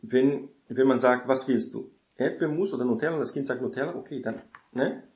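Talking a little fast in a slightly mellow, mid-pitched voice, a man offers parenting advice in an informal talk aimed straight at his audience. He often ends his points with a questioning "ne?" and checks whether they follow, with a roomy echo around him.

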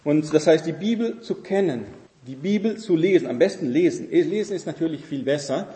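A man leads a Bible study, explaining patiently and constantly checking that his group follows. His voice sits a bit high but sounds soft and mellow. The recording carries the long, echoing reverb of a large hall. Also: lively intonation, fairly quick. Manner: explanatory, keeps asking listeners "ne?" and "versteht ihr?". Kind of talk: Bible class teaching.

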